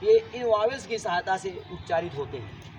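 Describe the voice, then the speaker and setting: A man's voice: high-pitched, animated, normal speed, a little mellow, a little hiss or hum, poor audio. A man teaching a classroom grammar lesson, repeating points and asking his students questions. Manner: repetitive, asks students questions.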